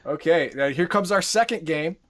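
A man's voice: on the high side, expressive, normal speed, fairly bright tone. Rambling man co-hosting a game stream. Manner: rambling, many fillers and restarts. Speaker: co-host of a game stream show. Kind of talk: casual game review chat.

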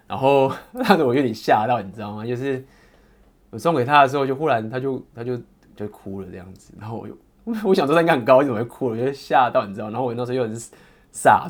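A man with a Taiwanese Mandarin accent tells a personal story at a quick clip. His voice sits fairly low, and he rambles along with lots of fillers and restarts.

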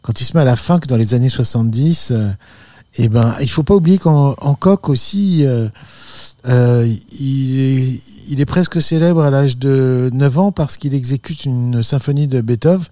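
A man's voice: mid-range voice, normal speed, mellow, no echo. A man with a French accent chatting casually as a musician guest, enthusiastic, slangy and rambling. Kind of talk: casual chat.

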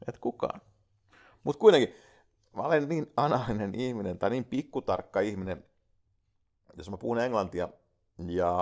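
A man talks alone into a USB microphone for his own podcast, rambling and swearing casually as he addresses listeners. His voice has a gravelly, fry-laden edge. His pitch swings around animatedly as he talks. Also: darkish tone. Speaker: podcast host. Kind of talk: casual solo podcast monologue. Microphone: USB microphone into a laptop.

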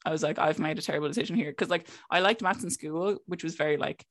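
A young woman from County Clare with a west of Ireland accent chats casually, telling anecdotes full of the filler "like" and quoting exchanges with herself and others. Her voice is low and fast, and the recording is clean studio sound with no room sound.

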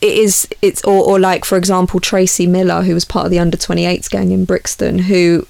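Creaky, halting podcast guest. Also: mid-range voice, little pitch movement, a little mellow, no room sound. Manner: halting, many restarts. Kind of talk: casual chat.

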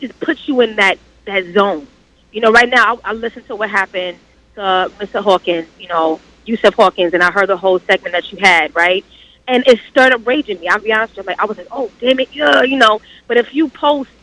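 A woman's voice: medium pitch, fairly bright tone, poor audio. A woman calling in to a radio show, talking casually and personally, repeating words for emphasis. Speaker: radio call-in caller. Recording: radio phone-in call.

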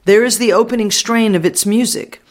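A man narrating an audiobook in a measured, reverent way. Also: high voice. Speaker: audiobook reader.

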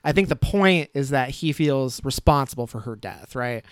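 A man's voice: medium pitch, lively intonation, moderate pace, clear, resonant tone, no room sound, clean studio sound. A man co-hosting a podcast, giving blunt, critical film opinions in casual chat and swearing freely. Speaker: podcast co-host.

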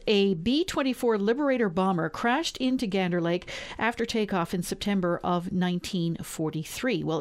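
A woman with a fairly high voice hosts live radio from a newsroom. She speaks conversationally as an interviewer, with some hesitation as she goes. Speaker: radio talk show host.

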